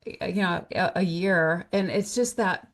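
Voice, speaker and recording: A woman's voice: on the low side, measured pace. A woman hosting a podcast interview, chatty and enthusiastic. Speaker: podcast host. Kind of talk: casual interview talk.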